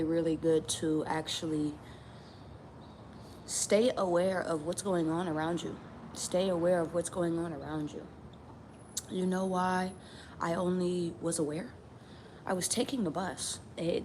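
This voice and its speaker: Lowish-voiced woman from new mexico ranting on her vlog, keeps repeating herself, some cursing, background hiss. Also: measured pace. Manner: emphatic, repeats lines, swears. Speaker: tarot channel vlogger. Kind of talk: casual speaking-out vlog. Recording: steady background ambience noise.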